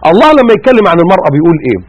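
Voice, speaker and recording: Egyptian preacher guy talking super fast, highish raspy voice, animated, lots of rhetorical questions. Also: no room sound, lo-fi sound. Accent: Egyptian Arabic. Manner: animated, rhetorical questions, repeats words for emphasis. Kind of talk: colloquial religious advice talk.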